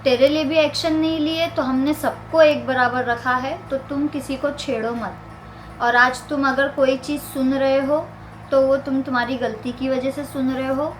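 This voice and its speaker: A high-voiced woman speaks earnestly to her audience in a home vlog. She presses each point insistently. A faint hum of ambient noise runs underneath. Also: fairly even intonation, moderate pace, low-quality recording. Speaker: vlogger. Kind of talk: casual talk to camera.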